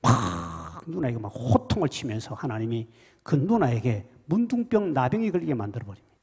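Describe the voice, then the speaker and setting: Husky, animated male pastor preaching. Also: medium pitch, brisk, big-room sound. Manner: emphatic, dramatic swings between loud and hushed. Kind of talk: sermon.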